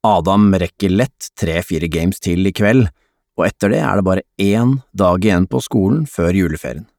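Low-voiced male audiobook narrator. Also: vocal fry, darkish tone, dry recording, clean studio sound. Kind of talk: scripted narration.

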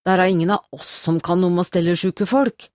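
A woman narrator voicing a rough rural man who mumbles in a helpless, unsure way. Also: on the low side, darkish tone, no echo, clean studio sound, close to an everyday voice.

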